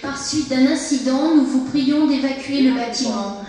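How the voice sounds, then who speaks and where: A woman's pre-recorded evacuation message played over a PA loudspeaker, calm, measured and formal. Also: sits high. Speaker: recorded safety announcer. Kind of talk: pre-recorded evacuation announcement in two languages. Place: large store, indoors. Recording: echoey hall loudspeaker, far from mic.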